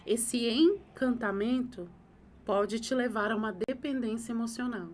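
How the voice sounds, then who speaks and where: A woman's voice: a little high, measured pace, a little mellow, slight background noise. A woman, hosting a live talk on emotions, emphatic and repeating phrases for effect. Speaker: host giving advice on emotions.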